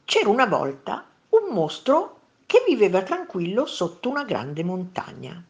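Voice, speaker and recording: Lady reading a kids story, slow and lively, voice goes up and down a lot. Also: medium pitch. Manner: expressive and unhurried. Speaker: storyteller for children. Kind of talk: reading a picture book aloud.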